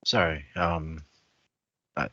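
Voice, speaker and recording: A man with a low voice and a bright, tense edge plays a tabletop game. He talks casually, in and out of role. The recording is dry and a little dull. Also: fairly even intonation, slow pace, no echo.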